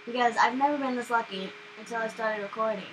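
A young woman hosting a gaming channel, chatting casually and excitably while she plays, often startled. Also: on the high side, quick pace, slight background noise, low-quality recording. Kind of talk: casual gameplay commentary.

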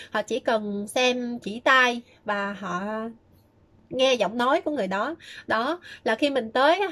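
A woman giving chatty, casual advice, often starting sentences with filler words. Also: a little high. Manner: chatty, many fillers and repeated "đó". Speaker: fortune-telling vlogger. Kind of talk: casual spoken advice talk.

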